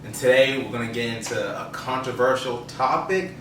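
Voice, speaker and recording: With a steady, mid-range voice at a moderate pace, this male podcast co-host explains his views casually and emphatically. He's picked up by a distant mic in a roomy space, with faint background noise.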